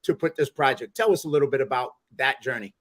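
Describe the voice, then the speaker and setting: A man's voice: medium pitch, quick pace, a bit bright. A man from the Bronx, hosting a podcast and putting questions to his guest in a conversational way. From New York (the Bronx). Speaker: podcast host. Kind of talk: interview questions.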